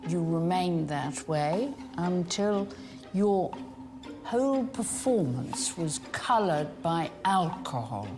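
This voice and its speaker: A woman speaking as a finishing school headmistress, stern, measured and formal with her students. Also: on the low side, expressive, over music.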